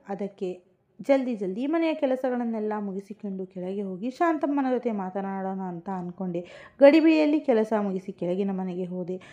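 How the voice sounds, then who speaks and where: A woman narrating a suspense story in the first person, with a steady, dramatic reading. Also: fairly high pitch. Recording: muffled lo-fi recording.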